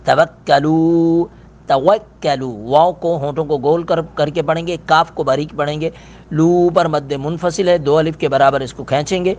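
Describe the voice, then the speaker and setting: A middle-aged male teacher giving a recitation lesson in a fairly high voice. He explains each pronunciation rule in a plain, steady way, then chants the verse slowly and draws out the sounds. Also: muffled recording.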